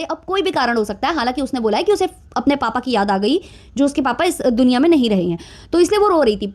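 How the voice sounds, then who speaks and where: A woman's voice: sits high, darkish tone. A woman giving casual vlog commentary, outspoken and indignant as she rants about other creators. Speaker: YouTube commentator.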